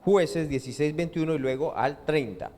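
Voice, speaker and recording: A man's voice: on the high side, moderate pace, darkish tone. A man with a Colombian accent, a pastor preaching a sermon and drawing answers from the congregation with questions. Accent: Colombian Spanish. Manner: call-and-response questions to the congregation. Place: church hall. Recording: church hall with long reverb.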